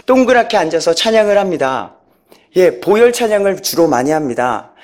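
A man's voice: high-pitched, sing-song, a little fast, a little mellow. A man giving a personal church testimony, storytelling with animation, acting out quotes and chuckling as he goes.

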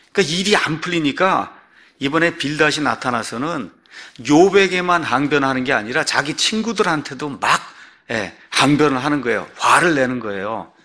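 A man's voice: a little high, bright, forceful tone. A man preaching an expository sermon as pastor, asking the congregation rhetorical questions as he explains the text.

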